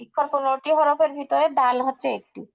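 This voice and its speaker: High, gravelly female tajweed teacher. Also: little pitch movement, quick pace, poor audio. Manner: patient, asks questions and answers them herself. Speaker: Quran recitation teacher. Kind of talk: online tajweed lesson.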